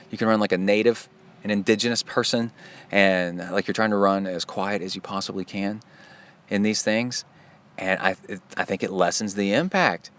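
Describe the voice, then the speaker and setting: A fairly low, slightly bright, smooth voice belongs to a middle-aged man recording his podcast outside in a park. The triathlon coach rambles in a relaxed, talkative way, sprinkling in jokes.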